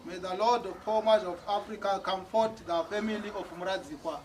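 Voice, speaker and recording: A man's voice: sits high, fairly even intonation, fairly quick. A man interpreting a church testimony line by line, sometimes hesitating and repeating words. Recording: distant mic with noise.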